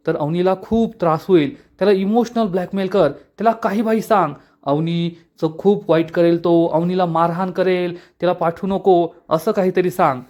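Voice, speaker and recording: A man's voice: sits high, darkish tone, close to an everyday voice. Male reader as a scheming young woman, persuasive and pleading.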